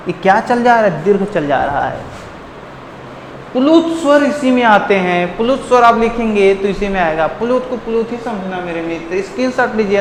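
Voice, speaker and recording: A male teacher giving a lively online grammar lesson, keeping it light with jokes and friendly asides to his viewers. He stretches out words to show how they sound. His voice rings in an echoey room with a long reverb and a faint hum behind it. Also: high voice. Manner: playful, jokey, calls listeners "friend", stretches words to show them.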